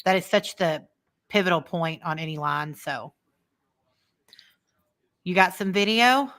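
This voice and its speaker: A woman's voice: lowish voice, lively intonation, measured pace, a bit bright. An American woman talking casually as co-host of a live football fan show. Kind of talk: casual live sports chat.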